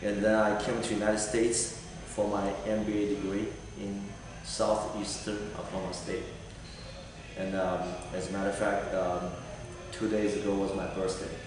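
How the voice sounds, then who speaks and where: Middle-aged candidate, halting and earnest, lowish voice, picked up far off in a noisy hall. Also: male voice, little pitch movement. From Taiwan. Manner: earnest, halting, many fillers. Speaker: political candidate. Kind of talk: answering vetting panel questions. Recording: echoey hall recorded from afar.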